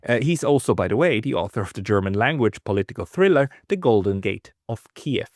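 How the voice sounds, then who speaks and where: Man hosting, measured storytelling delivery. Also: fairly low pitch, lively intonation, darkish tone, no echo, studio quality. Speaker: host. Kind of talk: scripted introduction and interview questions.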